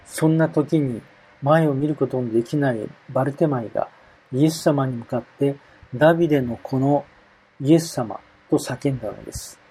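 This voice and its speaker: A man preaching a sermon, reading Bible verses aloud in a measured way and explaining them. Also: mid-range voice, warm tone, husky, poor audio.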